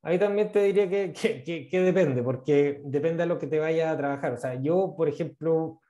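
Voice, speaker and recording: Joining a video call from a small room via an earphone mic, a man in his thirties with a Chilean Spanish accent gives casual advice on international internships as a guest speaker. His voice is fairly high but dark-toned, and he talks fast, packed with fillers and repetitions.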